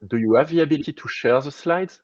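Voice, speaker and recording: A man chairing an online meeting, giving halting status updates with many fillers over a video call, his mic audio clipping and distorted. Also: fairly high pitch, darkish tone, no echo, muffled recording. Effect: clipping, distorted mic audio that breaks up. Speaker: working group chair.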